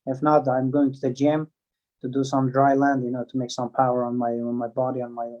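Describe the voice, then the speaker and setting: A medium-pitched, monotone Afghan man answers interview questions about being a swimmer. His speech is halting and marked by fillers, restarts and non-native constructions, all captured in flat lo-fi sound.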